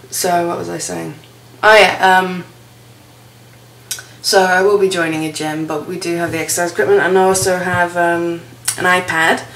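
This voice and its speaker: Young kiwi woman doing a rambly vlog, wheezy and creaky, sitting in an echoey room. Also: on the low side, level tone, moderate pace, a bit bright. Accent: New Zealand. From New Zealand. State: wheezy, with a cough from quitting smoking. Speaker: vlogger. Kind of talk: casual personal vlog. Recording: roomy echo, faint background noise.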